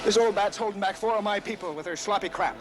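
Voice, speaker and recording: A man's voice: sits high, fast, natural voice. An actor playing a harsh, contemptuous male factory foreman who insults the workers. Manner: abrasive, insulting, barking orders.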